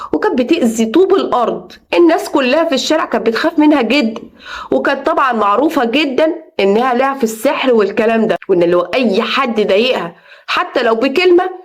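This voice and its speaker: Fast, high-voiced Egyptian woman storyteller. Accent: Egyptian Arabic. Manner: dramatic, earnest storytelling. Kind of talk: first-person story narration.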